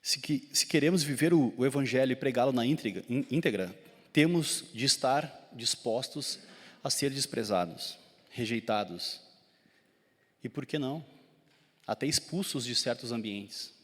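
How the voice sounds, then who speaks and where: Gaúcho pastor preaching in a reverberant hall. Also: male voice, medium pitch, lively intonation, moderate pace. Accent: Gaúcho Brazilian Portuguese. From southern Brazil (Rio Grande do Sul). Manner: preaching with swells of intensity, asking the congregation questions. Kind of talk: sermon. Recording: long church hall reverb.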